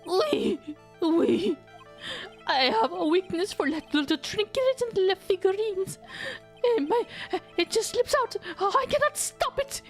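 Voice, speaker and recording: A woman's voice: takes it slowly, faint music behind, heavily acted. A woman voicing a flamboyant, melodramatic and timid French restaurant owner, a man with a theatrical, whiny manner and a French accent. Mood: sheepish confessing. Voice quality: high, shrill, piercing.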